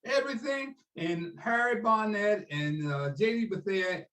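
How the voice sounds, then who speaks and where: Older man telling a lively story. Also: sits high, measured pace. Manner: animated, loose, peppers talk with "man". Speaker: guest, sports broadcaster. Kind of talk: casual anecdotal storytelling.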